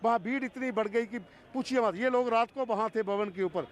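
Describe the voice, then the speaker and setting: A man's voice: very high voice, fairly quick. A male field reporter giving an emphatic, explanatory live report from outdoors. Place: outdoors at a busy pilgrimage town. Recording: outdoor crowd noise. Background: crowd.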